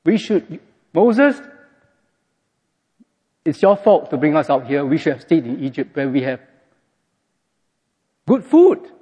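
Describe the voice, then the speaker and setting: A man's voice: a little high, very animated, takes it slowly, pauses often, dark tone, slightly rough, full character voice. A man voicing an exasperated, sarcastic ancient complainer who moans about having no water, in a dull, echoey hall recording. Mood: whining complaint. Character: grumbling thirsty ancient desert complainer, male adult.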